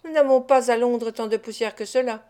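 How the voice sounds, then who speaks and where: Woman doing a sly old crook, hushed wheedling voice, sits kinda high. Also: steady tone, brisk, lightly acted. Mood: oily. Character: sly scheming old male fence.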